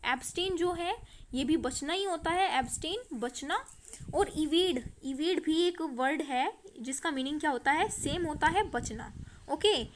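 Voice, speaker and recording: A woman teaching English vocabulary in Hindi, explaining slowly and repeating words, often checking with her students. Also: sits high, animated, a little hiss or hum. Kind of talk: vocabulary lesson.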